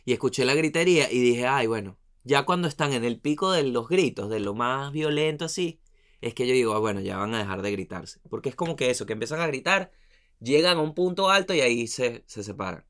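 A man from Venezuela with a Venezuelan accent, telling comic stories in an animated, slangy, profane way that trails off into muttered asides. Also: medium pitch, brisk. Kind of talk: comic storytelling monologue.

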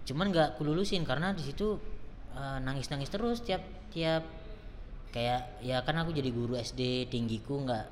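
A man in his thirties telling his life story in a casual interview, fast, often swearing and acting out what people said. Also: medium pitch, a little hiss or hum. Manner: fast, swears often, acts out quoted dialogue. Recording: long reverb, faint background ambience.

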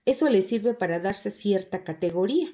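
A woman reading a children's story aloud, calm and expressive. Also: medium pitch, normal speed, dull audio. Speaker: narrator.

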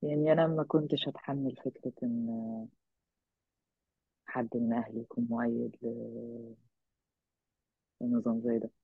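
A woman with an Egyptian Arabic accent giving a halting, reflective personal account as an interview guest. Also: a bass voice, little pitch movement, vocal fry, husky, no room sound. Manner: halting, reflective, with trailing phrases. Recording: thin, phone-like narrow-band sound.

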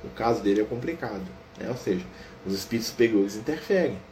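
A man with a Brazilian Portuguese accent reads a spiritual book aloud to a study group, slowing down for the quoted passages. Between readings he explains in a relaxed, chatty way, checking in with a tag question after nearly every phrase. The room is roomy and echoey, with a faint hum of ambient noise behind him. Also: lowish voice.

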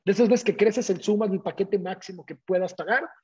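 A man, a guest telling a personal story in an animated way and acting out the dialogue. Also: sits high, brisk, breathy edge. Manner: animated, acts out quoted dialogue. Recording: dull lo-fi audio.

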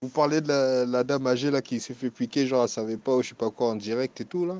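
A man's voice: medium pitch, fast talker, a little mellow, clear, resonant tone, lo-fi sound. A man chatting casually with friends on a call, joking, laughing often and using slang. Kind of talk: casual chat.

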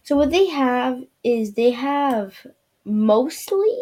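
Slow and expressive, a woman with a high but dark-toned voice runs her own podcast, meandering through a screen-share review with lots of fillers and trailing "yeah"s.

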